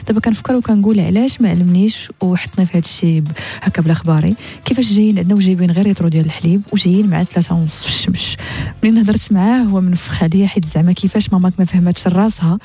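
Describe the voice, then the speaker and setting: A Moroccan woman tells a story in casual talk sprinkled with French. Her voice is mellow and a bit husky, and she speaks very quickly over faint music. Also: on the low side. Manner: mixes French into her speech.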